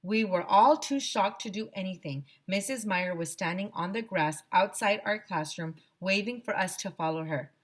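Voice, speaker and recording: A female teacher reads a children's storybook aloud in an expressive, narrating style. Her pitch is medium and her pace moderate, with hardly any pauses.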